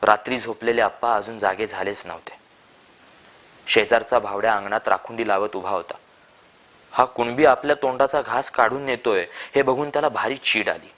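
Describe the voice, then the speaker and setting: Man calmly reading a story aloud. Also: lowish voice, normal speed.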